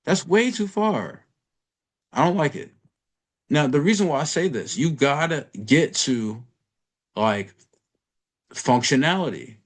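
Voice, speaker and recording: A man's voice: a little high, expressive, measured pace, pauses often. Blunt, profane man teaching trading. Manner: blunt, profane, streetwise slang, addresses viewer as bro. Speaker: trading educator. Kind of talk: casual screen-share trading lesson.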